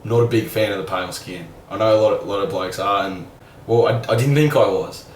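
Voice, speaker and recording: Speaking fairly quickly in a lowish voice, a young vlogger muses openly and casually, his monologue wandering and stuffed with "like" and mild swearing. A faint background hum and roomy acoustics suggest the mic is a bit far from him.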